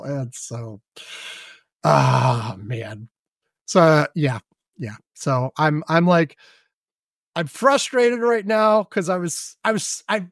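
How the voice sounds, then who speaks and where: A man's voice: high-pitched, dry recording, studio quality. A man co-hosting a casual podcast chat, rambling in a wry, self-mocking way and swearing offhandedly. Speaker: podcast co-host.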